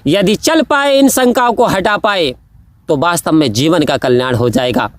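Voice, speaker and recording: A man's voice: sits high, lively intonation, moderate pace, no room sound. A man preaching a devotional sermon, telling stories and reciting verse lines in a rising and falling, impassioned delivery.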